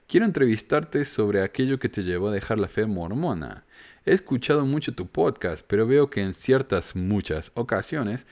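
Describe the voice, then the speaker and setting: A man's voice: fairly low pitch, a little mellow. A man from Argentina with a Córdoba accent hosting a podcast, reading listener messages aloud with sarcastic asides. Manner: sarcastic, reads quoted messages with mocking emphasis. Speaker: podcast host. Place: home in Utah.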